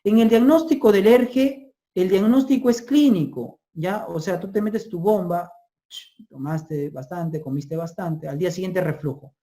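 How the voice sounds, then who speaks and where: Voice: mid-range voice, a little slow, warm tone. A medical exam-prep lecturer who repeats key terms and keeps checking in with listeners. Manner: drills terms by repeating them, tags lines with 'ya?' and 'ojo'. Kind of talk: recorded lecture.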